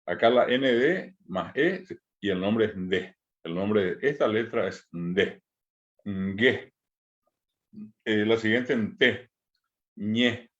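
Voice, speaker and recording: Teaching a language class online, a middle-aged man from Paraguay speaks in a fairly low voice, explaining patiently and pausing to repeat each sound slowly, with drawn-out hesitations filling the gaps. The audio sounds dull and lo-fi, like a streamed lesson.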